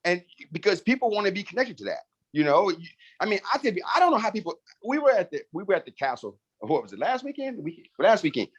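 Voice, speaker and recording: A man leading a marketing team, talking in a fired-up, animated, straight-talking way in a casual chat on a video call. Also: high voice, fast talker, breathy edge, lo-fi sound. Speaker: network marketing team leader.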